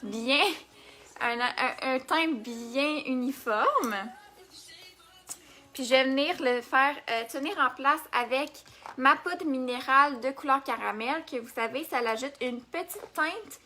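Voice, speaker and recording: A woman's voice: high-pitched, moderate pace, bright, forceful tone. A young woman with a Québécois accent hosting a casual makeup live stream, chatting and answering viewer comments as she works. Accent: Québécois French.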